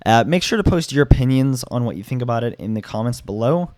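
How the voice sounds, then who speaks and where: A hoarse young man giving his opinion in a casual vlog, rambling with many fillers and restarts and the odd swear. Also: mid-range voice, lively intonation, quick pace, darkish tone, no echo. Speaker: gaming YouTuber.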